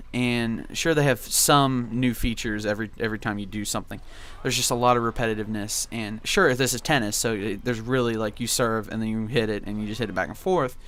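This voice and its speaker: A man's voice: fairly low pitch, a bit bright. A young man reminiscing casually in gameplay commentary, with a laid-back, rambling and nostalgic way of talking. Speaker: video game commentary host.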